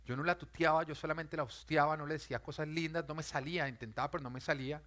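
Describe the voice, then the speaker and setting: Male pastor, slightly high voice, earnest sermon storytelling that builds to loud peaks. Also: fairly even intonation, fast talker. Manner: earnest storytelling, swells loud on key lines.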